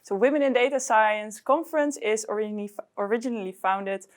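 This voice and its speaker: A woman hosting a webinar, introducing the guest in a brisk, scripted way. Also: medium pitch. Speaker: host.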